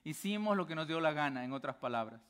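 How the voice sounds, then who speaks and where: A male pastor preaching a sermon with passion, asking the congregation question after question and swinging between hushed low passages and loud emphatic ones. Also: animated, quick pace, clean tone.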